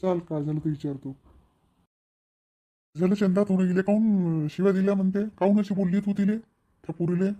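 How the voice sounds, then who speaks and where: Man playing a dark-voiced, gruff village father. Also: high voice, fairly even intonation, normal speed, long pauses. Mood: calm. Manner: gruff, plain-spoken, scolding. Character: blunt village husband and father. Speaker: actor in a village family drama. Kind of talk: village comedy-drama acting.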